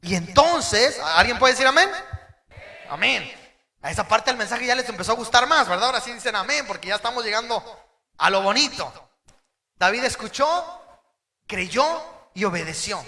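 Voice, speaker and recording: A male pastor preaching an emphatic sermon, calling on the congregation to repeat key words and sometimes shouting them. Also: extremely high pitch, lively intonation, normal speed, long pauses.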